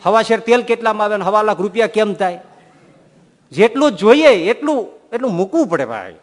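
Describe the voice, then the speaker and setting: A male swami giving a humorous storytelling sermon, shifting between soft and loud delivery. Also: high-pitched, animated, fast. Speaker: swami giving a scripture discourse. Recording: echoey hall.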